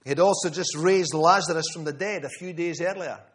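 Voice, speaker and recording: A man's voice: on the high side, fairly quick, fairly bright tone. A man preaching a sermon to a room, emphatic, repeating key phrases and calling on listeners by name. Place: church gathering room.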